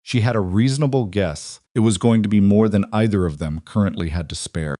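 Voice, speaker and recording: Guy narrating a western, real deep voice, dry close sound. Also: dry recording. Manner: measured, even storytelling. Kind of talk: scripted audiobook narration.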